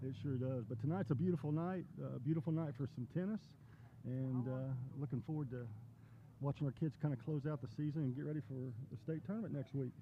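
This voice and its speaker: A relaxed man with a gravelly voice talks as a guest on a local tennis stream, sounding upbeat. The audio is dull and lo-fi with faint hiss. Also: mid-range voice, brisk. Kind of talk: casual interview.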